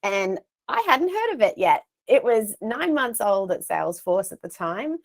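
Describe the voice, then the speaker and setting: A woman's voice: mid-range voice, sing-song, a little slow. An Australian woman in her thirties, telling her career story in a chatty, self-deprecating way over an earphone mic on a video call from a home office. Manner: chatty, self-deprecating, gestures while talking. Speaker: guest speaker. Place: home office with shelves of plush toys.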